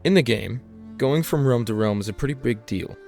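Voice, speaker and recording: A man's voice: medium pitch, animated, normal speed, vocal fry, a little mellow, faint music behind. A man delivering scripted explainer narration as the narrator of a video essay.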